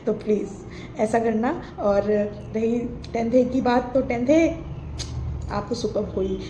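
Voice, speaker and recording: A woman's voice: on the high side, slow, dark tone. A woman teacher giving an emotional farewell to her students, mixing Hindi with English phrases. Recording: echoey room, faint noise.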